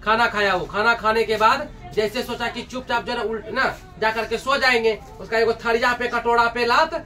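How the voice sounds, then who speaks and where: High-voiced teacher quizzing his class. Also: fairly even intonation, normal speed, pushed and bright, recorded from a distance. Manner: repeats questions to the class and answers them, acts out dialogue. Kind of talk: explaining a Hindi textbook story to students.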